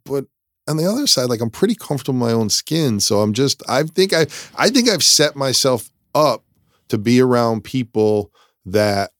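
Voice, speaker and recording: Middle-aged man, co-host, casual chat, teasing, curious, average pitch, dry sound. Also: very animated, normal speed, no echo. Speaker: co-host of a family channel.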